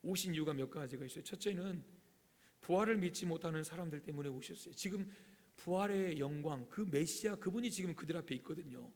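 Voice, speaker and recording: A man preaching a sermon as pastor, emphatic, rising to loud urgent peaks and dropping to quiet asides, acting out quoted voices. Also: a little high, brisk. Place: church sanctuary. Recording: long hall reverb.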